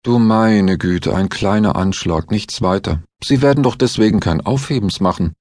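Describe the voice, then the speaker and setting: A composed doctor-investigator in an audiobook thriller, as a man reads him, his mockery dry and amused. The voice stays fairly low and husky, close and dry with no room around it. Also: moderate pace, darkish tone, no room sound, natural voice.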